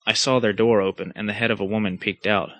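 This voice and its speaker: Man reading aloud in a lowish voice. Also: fast talker, dry recording. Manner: plain, steady read-aloud delivery with small stumbles. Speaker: reader. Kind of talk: reading a story and a lawn-care text aloud.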